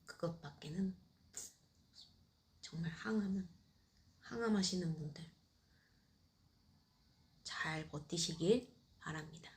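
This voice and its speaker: A middle-aged woman telling her own story in a candid, lightly humorous way, speaking casually to the camera. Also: mid-range voice. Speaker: cancer patient vlogger.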